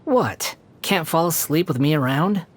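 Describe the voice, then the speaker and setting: A man voicing an aloof, scornful young puppet wanderer in a video game, with condescending, sardonic and measured delivery. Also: a little high, expressive. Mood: teasing. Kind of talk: video game character voice lines.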